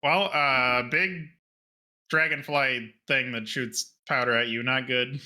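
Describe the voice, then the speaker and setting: A man's voice: mid-range voice, fairly even intonation, takes it slowly, bright, forceful tone. A man playing in a tabletop role-playing game, joking and laughing often. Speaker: player. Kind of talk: casual tabletop play.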